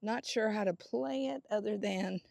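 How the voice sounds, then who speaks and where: A woman's voice: mid-range voice, normal speed, vocal fry, a little mellow, dry recording, studio quality. A middle-aged woman hosting a casual golf vlog, chatting to herself on the course with a self-deprecating manner. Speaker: host.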